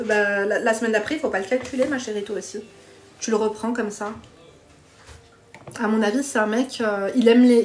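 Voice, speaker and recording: A woman's voice: a little high, darkish tone, a little hiss or hum. A woman hosting a live stream, chatting bluntly with viewers, reading their comments and giving dating advice while calling them pet names.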